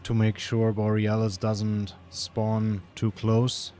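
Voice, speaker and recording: A man's voice: lowish voice, completely flat delivery, slow, mellow, soft background music. A man with a German accent giving casual, chatty commentary while gaming, saying "like" often and swearing freely. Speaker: streamer.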